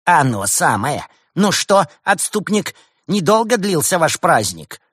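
A man's voice: on the high side, very animated, a little slow, fairly bright tone, breathy edge, no echo, studio quality, pitched above the performer's own voice, exaggerated voice. A man doing a cackling, gloating rival priest.

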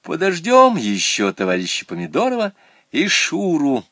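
A man voicing a kindly, patient woman who runs a clown school, speaking in a calm, praising tone. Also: on the high side, normal speed, no echo, studio quality, voice pushed up, exaggerated voice. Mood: explaining. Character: kindly female school headmistress.

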